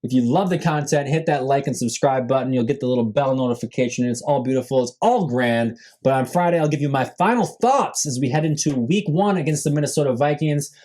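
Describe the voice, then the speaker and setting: A podcast host with a mid-range, darkish voice runs through a team roster on his solo sports show, talking fairly quickly with few pauses. He is casual and upbeat, listing names with rising emphasis and frequent fillers, and mentions that he is losing his voice.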